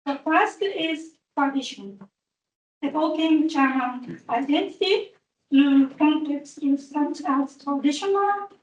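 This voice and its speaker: Her voice high and her pace unhurried, a woman presents at an academic conference, carefully pausing on frequent fillers point by point; she is a native Japanese speaker. A distant mic catches the echoing conference room, making the audio roomy and muffled.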